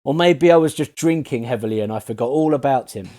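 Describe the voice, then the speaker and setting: A man's voice: medium pitch, quick pace, dark tone. A man reading a scripted review voice-over of a TV series, sarcastic and full of swearing. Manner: sarcastic, profane, ranting.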